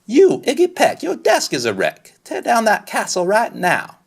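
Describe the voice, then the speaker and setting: Man playing high-pitched, melodramatic schoolteacher lady. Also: huge pitch swings, a little slow, creaky, slightly rough, heavily acted. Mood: scolding. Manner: emphatic, melodramatic. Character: stern, theatrical woman grade-school teacher, dramatic and scolding. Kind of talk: storybook read-aloud character.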